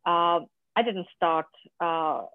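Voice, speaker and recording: Czech accent, Czech first language, podcast guest, halting with fillers, dry tinny phone line. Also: mid-range voice, clean tone, no echo. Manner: halting, many fillers and restarts, quick bursts. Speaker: podcast guest, business founder. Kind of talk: conversational interview.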